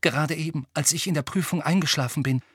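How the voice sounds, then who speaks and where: A man's voice: a little high, quick pace, fairly bright tone, breathy edge, no room sound, studio quality, pitched above the performer's own voice. A male audiobook narrator voicing a frightened teenage boy wizard who stammers and pants out urgent words. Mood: tense. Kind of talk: audiobook character voice.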